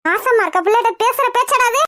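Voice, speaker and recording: A woman acting out a shrill, protective cartoon mother scolding her son in a very high, piercing voice. Dry, close recording. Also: quick pace, sharp tone, no echo.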